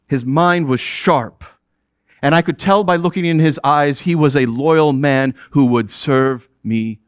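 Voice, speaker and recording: A man's voice: on the high side, clear, resonant tone, no room sound. A man playing a proud ancient king who speaks to his subjects in a commanding way and chuckles between statements. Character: proud middle-aged male Persian king addressing his subjects. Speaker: actor in a biblical character monologue. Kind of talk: theatrical first-person monologue.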